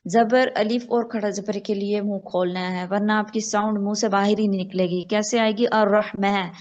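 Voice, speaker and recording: A woman teaching an online tajweed class, patiently explaining and slowly modelling each recited phrase. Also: mid-range voice, steady tone, a little mellow, lo-fi sound.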